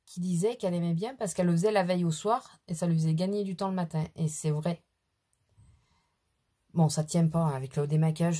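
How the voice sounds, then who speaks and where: Husky-voiced woman chatting through her makeup. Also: lowish voice, mellow. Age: middle-aged. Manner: chatty, rambling, self-deprecating asides. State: has a cold. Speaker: beauty vlogger. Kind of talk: casual makeup vlog chat. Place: at home at her mirror.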